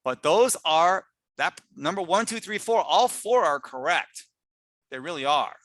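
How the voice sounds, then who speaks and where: A middle-aged man giving a recorded grammar lecture, emphatic and lively, with frequent asides and self-corrections. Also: on the high side, a little slow, no room sound. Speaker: grammar teacher presenting a lecture.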